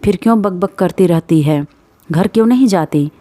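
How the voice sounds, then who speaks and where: A woman's voice: lowish voice, mellow, no room sound, close to an everyday voice. A woman voicing a weary, restrained middle-aged peasant man who scolds firmly and evenly. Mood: stern weary. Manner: firm, measured scolding.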